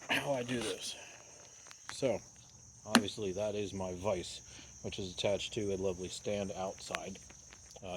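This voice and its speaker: Casual male DIY vlogger, thirties, slightly low voice, stop-and-start explanations, recorded outdoors with light insect ambience. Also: noisy background. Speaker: javelin repairer presenting a video. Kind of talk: casual outdoor how-to vlog. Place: outdoors in a backyard.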